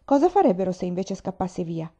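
A woman's voice: on the low side, very animated, brisk, dark tone. Woman voicing a bold scornful girl. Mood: brisk.

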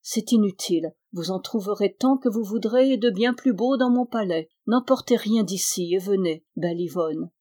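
A woman's voice: mid-range voice, moderate pace, hardly any pauses, natural voice. A woman reading aloud, voicing a courteous young prince from a folk tale in her own voice. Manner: courteous, gentle. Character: gallant young male prince, gentle.

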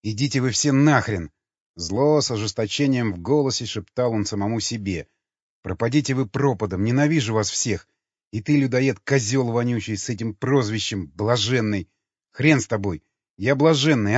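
A man's voice: medium pitch, slightly rough, no room sound. A man voicing a bitter, angry young man muttering spiteful curses to himself in an audiobook. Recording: dry, slightly dull recording.

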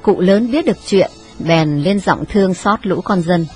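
Một người phụ nữ kể truyện đọc, giọng đều đặn, giọng miền Trung. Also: female voice, fairly low pitch, moderate pace, a little mellow, slightly rough, soft background music. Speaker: narrator. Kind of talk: audiobook narration.

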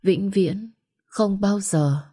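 A woman's voice: mid-range voice, drawn-out words, warm tone, slightly rough. A woman narrating a dramatic first-person story of grief in an emotional storytelling voice.

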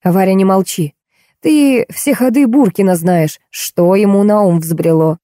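A woman's voice: medium pitch, measured pace, mellow, no room sound, studio quality, lightly acted. A woman reading the lines of an irritable, slightly tipsy man who grumbles scornfully, in an audiobook. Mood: irritated.

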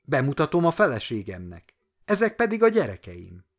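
A man's voice: medium pitch, wildly swooping pitch. A man voicing a downcast old man who trembles with joy at a visit, in an audiobook story. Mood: overjoyed. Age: older. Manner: tremulous with joy.

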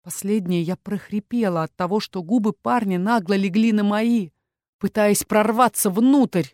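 A woman narrating a first-person fantasy romance audiobook in a steady, intimate reading. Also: medium pitch, measured pace, no room sound, clean studio sound.

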